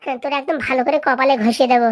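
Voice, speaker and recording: A woman voicing a sharp-tongued village woman in a cartoon, scolding and accusing in a rapid-fire way. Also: high voice, fairly even intonation, lightly acted. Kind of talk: cartoon voice acting.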